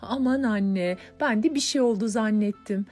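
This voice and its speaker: A cheerful teenage girl, upbeat and a bit louder than the narration, played by a woman narrator. Faint music hums under the storybook. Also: medium pitch, normal speed, lightly acted.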